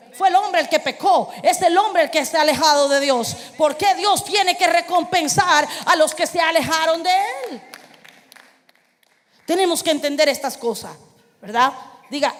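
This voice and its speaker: A woman preacher delivering a fervent sermon, firing rhetorical questions and calling for responses from the congregation. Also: high voice. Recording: long reverb of a large hall.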